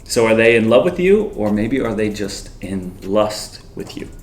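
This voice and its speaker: A man's voice: on the low side, sing-song, moderate pace, crowd noise. A man preaching conversationally to teenagers, explaining with rhetorical questions and plain slang. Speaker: youth preacher.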